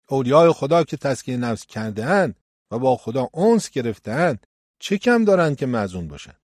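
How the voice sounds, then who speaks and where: Man giving a lively religious lecture. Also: medium pitch, dry recording, studio quality. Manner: measured, expressive teaching tone, slows to recite scripture. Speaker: cleric.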